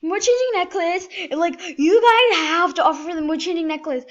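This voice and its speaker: A high-pitched woman chatters through her gameplay as a casual vlogger, full of excited fillers. Her voice sits well above the usual range. The recording is somewhat dull and lo-fi. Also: moderate pace. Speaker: gaming vlogger.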